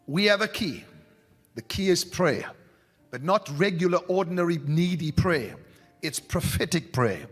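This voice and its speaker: A man's voice: sits high, animated, unhurried. A man preaching a fervent prophetic sermon, calling out to the congregation. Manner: fervent, rising to shouts, talks to the audience. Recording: long hall reverb with faint music.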